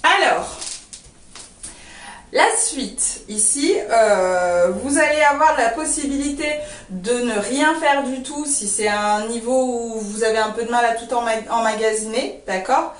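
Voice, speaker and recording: A woman leads a dance class, her high voice calling out each move and count while she demonstrates. She speaks at an unhurried pace and reassures her students as she goes. The sound is roomy and distant, picked up away from her in the studio. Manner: counts steps and names moves while demonstrating; reassuring, often asks "d'accord?". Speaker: dance teacher. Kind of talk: online belly dance class. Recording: roomy, far from the mic.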